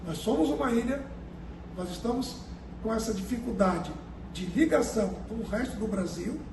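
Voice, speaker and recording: A high-voiced man answers an interviewer earnestly, stopping to repeat words as he finds his point. He was recorded from a distance in an echoey room with clear background noise. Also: animated. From Brazil, Amazonas. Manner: earnest, deliberate, repeats words while searching. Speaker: company director, interviewee.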